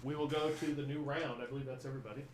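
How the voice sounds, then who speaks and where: A man's voice: mid-range voice, steady tone, rapid-fire, a little hiss or hum. A man narrating as game master of a tabletop game, rambling with many fillers. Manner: rambling, full of fillers and little laughs.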